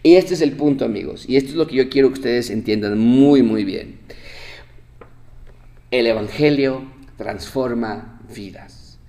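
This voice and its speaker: A middle-aged man preaching as a pastor, shifting between loud emphatic points and soft, quiet reflection. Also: medium pitch, measured pace. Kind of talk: sermon.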